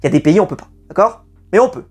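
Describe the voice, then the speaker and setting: A woman's voice: on the low side, big pitch swings, racing, darkish tone, breathy edge. Chatty, opinionated woman reviewer. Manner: opinionated and chatty, many hesitations. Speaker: YouTube reality-TV reviewer. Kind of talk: casual video review.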